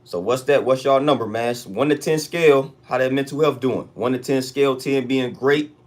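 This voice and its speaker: A man's voice: medium pitch, normal speed. An American man hosting a casual livestream check-in, talking in street slang and repeating hype catchphrases. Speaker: livestream host.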